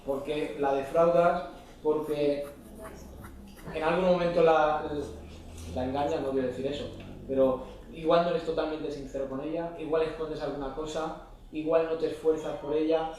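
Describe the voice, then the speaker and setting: A man's voice: on the high side, level tone, normal speed, a little mellow, slight background noise. A man preaching a sermon in church, often asking the congregation short questions. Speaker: pastor. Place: church hall. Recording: echoey church hall, mic at a distance.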